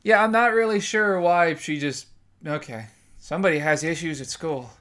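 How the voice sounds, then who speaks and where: Over the game's music, a young gameplay commentator casually talks through his playthrough, cracking jokes and swearing without restraint. He speaks at a normal speed in a fairly high, slightly bright voice.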